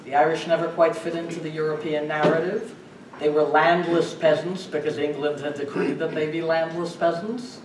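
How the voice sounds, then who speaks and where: A man lectures a live audience, stressing points emphatically and asking rhetorical questions. His voice sits a little high. The room is echoey, and he sounds far from the microphone. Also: little pitch movement, moderate pace. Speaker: lecturer at a public symposium. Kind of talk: public lecture. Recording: echoey room recorded from afar, faint noise.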